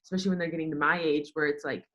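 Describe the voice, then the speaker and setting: A young woman from the U.S. with a low voice talks very fast, a bit bright, with fairly even intonation. As a chatty interview guest and former college golfer working in sports media, she shares personal anecdotes, sprinkles in "like," and repeats what she and others said.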